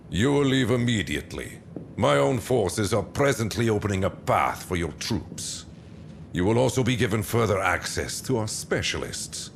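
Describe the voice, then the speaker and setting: In a video game cutscene, a male actor voices a menacing warlord, silky and commanding, with a deliberate, theatrical and condescending delivery. His deep, creaky voice is a full character voice, with a little hiss or hum audible.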